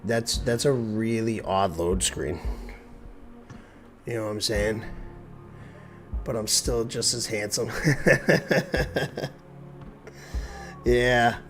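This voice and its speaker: A man with a hoarse, cracking voice from the flu, chatting casually and joking on a game stream. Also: lowish voice, steady tone, slow pace, long pauses, faint music behind. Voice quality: voice cracks and breaks. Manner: joking, swears freely. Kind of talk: casual live-stream chat.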